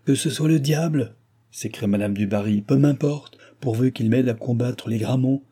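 A man's voice: lowish voice, fairly even intonation, brisk, mellow, natural voice. A man reading aloud who voices an emotional young aristocratic woman, wailing and exclaiming in a raised voice. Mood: agitated.

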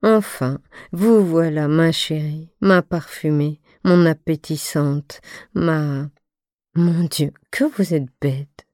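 Woman reading a teasing young lover in an audiobook, low and unhurried, dry close sound. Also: mellow, dry recording. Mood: doting teasing. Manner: teasing, doting, pouting. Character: playful amorous young man, boyish lover.

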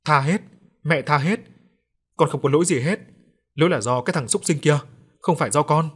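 A man's voice: medium pitch, normal speed, natural voice. A man voicing a grieving middle-aged mother who pleads through tears. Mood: grief-stricken. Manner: tearful, pleading.

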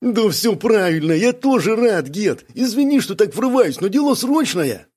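A man doing a loud hot-headed brawler. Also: high-pitched, big pitch swings, moderate pace, husky, voice pushed up, exaggerated voice. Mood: indignant. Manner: shouty, boastful, hot-tempered. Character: brash loud male brawler buddy, touchy.

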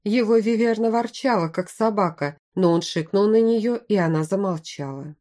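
A woman reading a fantasy novel aloud in first person, with steady storytelling. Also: medium pitch, normal speed. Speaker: audiobook narrator. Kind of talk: first-person audiobook narration.

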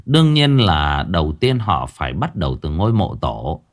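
A man tells a ghost story. His voice sits fairly low but swings widely in pitch, giving the telling a dramatic lilt. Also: big pitch swings, normal speed. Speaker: narrator.

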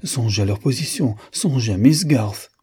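A man's voice: medium pitch, animated, normal speed, dark tone, slightly rough. A man voicing a prim, watchful housekeeper, a woman who speaks politely in a melancholy tone.

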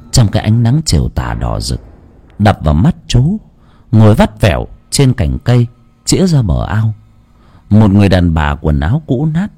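A man's voice: fairly low pitch, dark tone, breathy edge. A man narrating a ghost story dramatically.

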